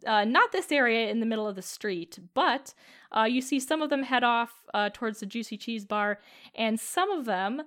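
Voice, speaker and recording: A woman's voice: on the high side, lively intonation, normal speed, fairly bright tone. A woman narrating a tabletop game as game master, chatty, with many fillers.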